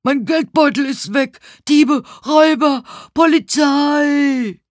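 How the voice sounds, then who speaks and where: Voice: big pitch swings, very slow, dry recording, clean studio sound, heavily acted. A reader voicing a frantic, confused old man who is hard of hearing and keeps mishearing words, in a storybook reading. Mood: panicked. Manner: high, loud, flustered and mishearing.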